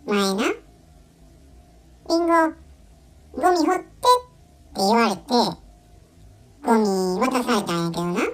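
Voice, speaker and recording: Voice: mid-range voice, very animated, measured pace, long pauses, faint music behind. An owner voicing a dim but sweet female chihuahua who talks in a Kansai accent and gripes naively, in a comic pet voice-over through a talking-pet voice-changer app. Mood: grumbling. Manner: chatty, complaining, naive.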